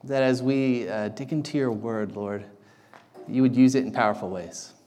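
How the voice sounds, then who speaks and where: A young man preaching a sermon in a casual, halting way with lots of ums, his voice carrying an echoey big-room sound. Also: mid-range voice, mellow. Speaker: guest preacher.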